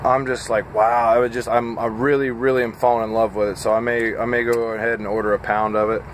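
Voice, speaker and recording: A man in his thirties, a truck driver, chatting casually and haltingly with lots of fillers while tired and a bit scattered, filmed on a phone at arm's length in his parked cab. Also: medium pitch, little pitch movement, a little hiss or hum. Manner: rambling, halting, with frequent fillers. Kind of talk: casual vlog chat. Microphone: phone camera at arm's length.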